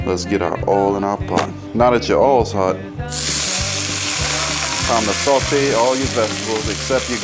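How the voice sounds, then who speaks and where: A man with a Cajun accent hosting a casual cooking demonstration as the chef, talking in a folksy, colloquial way. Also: on the low side. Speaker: cooking show host and chef.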